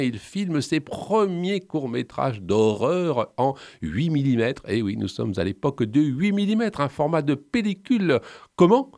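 A man's voice: medium pitch, no echo, clean studio sound. A man hosting a radio show about film music, playful and digressive, with jokes and asides. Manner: playful, digressive, lively delivery. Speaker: radio host.

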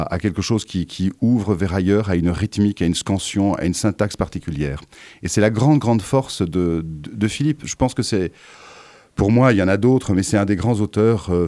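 A man speaking as a radio guest in a very low, dark voice. He talks articulately and with enthusiasm, dropping fillers along the way. The studio sound is dry and close. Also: no room sound. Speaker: radio guest, university theatre organiser. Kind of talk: radio interview.

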